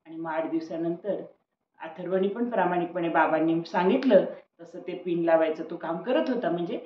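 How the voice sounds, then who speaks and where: An older woman telling a story to children, lively and warm, speaking straight to her young listeners. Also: fairly low pitch, moderate pace. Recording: roomy, dull lo-fi recording.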